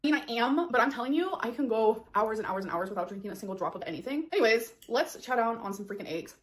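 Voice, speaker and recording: In a casual cooking and eating vlog shot in her home kitchen, a woman in her thirties chats directly to viewers; this is the vlogger from the video being reacted to. She speaks fast and animatedly in a voice on the high side.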